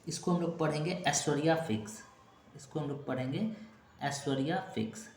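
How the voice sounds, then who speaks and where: A man's voice: a little high, a little fast. Man, exam-prep teacher, repeats mnemonics, frequent check-in asides, echoey room, noisy background. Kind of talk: classroom-style vocabulary lesson.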